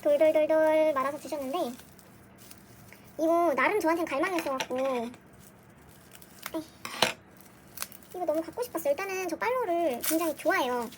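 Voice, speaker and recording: A young woman vlogging an unboxing at home, gushing excitedly with gasps and squeals. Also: high-pitched, brisk, long pauses, noisy background. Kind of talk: casual unboxing chat. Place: home room, dim lighting.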